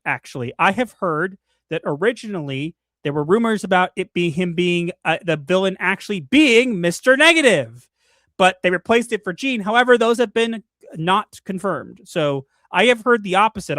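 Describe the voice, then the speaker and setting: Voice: mid-range voice, a bit bright, dry recording. A stream host in a casual spoiler discussion of a movie, reading chat comments aloud and ranting emphatically.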